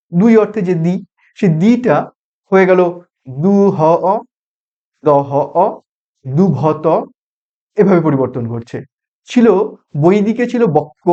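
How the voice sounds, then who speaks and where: A man with a Bengali accent lectures in a measured, explanatory way, lingering on each example. His voice sits high for a man, with a mellow, warm tone. The recording is dull and lo-fi, like an educational broadcast. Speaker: university lecturer.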